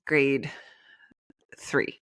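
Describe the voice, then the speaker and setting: A woman in her thirties co-hosting a podcast, chatting casually in a raspy, hoarse voice from a head cold. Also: extremely slow, fairly bright tone, no room sound, clean studio sound. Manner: chatty, upbeat, rambling. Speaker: podcast co-host. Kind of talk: casual chat.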